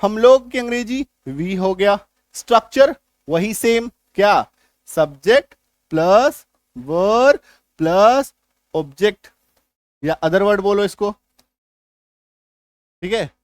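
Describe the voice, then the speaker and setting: A man with a high voice teaches grammar, walking through each step and pausing often to ask if it is clear. The recording is dry and close, with no room sound. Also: lively intonation, dry recording. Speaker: English teacher. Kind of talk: grammar lesson.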